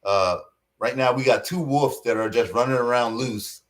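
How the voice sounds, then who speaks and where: A man's voice: medium pitch, normal speed. A man giving casual online commentary, rambling, with many fillers and restarts.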